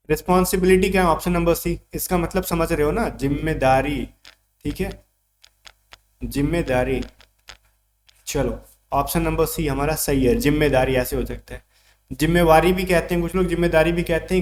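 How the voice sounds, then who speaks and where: A man's voice: fairly high pitch, slight background noise. A man teaching an exam vocabulary lesson, explaining words step by step and checking in with his students often.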